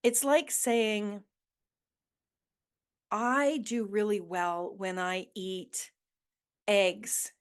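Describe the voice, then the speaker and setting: A woman's voice: medium pitch, fairly even intonation, clean tone. A woman hosting a motivational talk, coaching listeners with earnest questions and emphatic repetition. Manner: slow deliberate delivery with emphatic repetition. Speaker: host.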